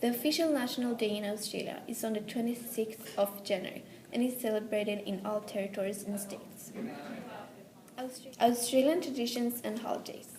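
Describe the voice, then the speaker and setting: A woman's voice: on the high side, normal speed, a crowd in the background. A teenage girl with a Swedish accent carefully reads a school presentation in English. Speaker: student presenter. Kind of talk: school presentation read aloud. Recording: echoey room with faint hiss.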